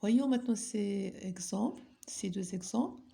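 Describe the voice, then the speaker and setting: A woman's voice: medium pitch, unhurried, gravelly, warm tone. A woman teaching a grammar lesson, patiently asking her pupils questions and then answering them herself. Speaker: French teacher.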